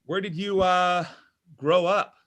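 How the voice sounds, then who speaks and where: Speaking slowly in a high-pitched, steady, slightly bright voice, a man reads a comedy pilot at a table read. His character is a needy, pushy man in his thirties on a date, whiny, defensive and over-explaining, and the mood comes across as awkward and defensive.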